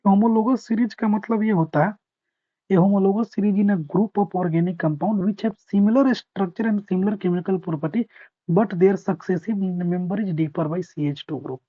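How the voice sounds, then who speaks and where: A man with a high-pitched voice and fairly even intonation leads a chemistry revision class. He explains patiently, repeats the key points, reads English definitions slowly and checks whether his students understood. The recording is dull and lo-fi.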